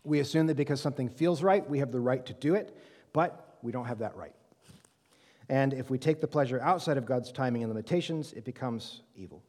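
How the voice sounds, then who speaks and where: A man with a mellow, warm voice teaches a study group in a relaxed, conversational lecture. He keeps checking in with "right?" and "okay?" and fills pauses with "um" as he works through his points. His voice carries a long reverb from the hall around him. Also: mid-range voice. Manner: frequent "um" fillers and self-corrections. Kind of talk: classroom lecture. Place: reverberant room with a live group.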